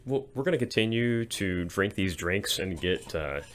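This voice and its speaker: A man's voice: sits low, animated, moderate pace, a little hiss or hum. A man co-hosting a casual podcast, joking and swearing loosely while drinking beer. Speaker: podcast co-host. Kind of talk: casual chat over drinks.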